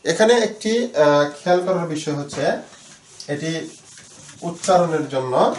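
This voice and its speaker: Slow, halting male Arabic teacher. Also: a little high, reverberant. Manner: slow, halting explanation with many "ah" fillers, repeating words. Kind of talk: slow grammar lesson explained in Bengali.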